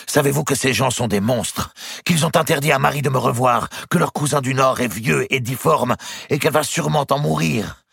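A man voicing an impassioned young man in love, pleading and high-strung in a storybook reading. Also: moderate pace, vocal fry, a bit bright, husky, no room sound, studio quality, full character voice.

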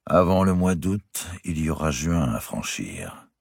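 A man doing a slow, careful court astrologer. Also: deep voice, expressive, husky, dry recording, studio quality, exaggerated voice. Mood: measured. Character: cautious older male court astrologer, slow-spoken.

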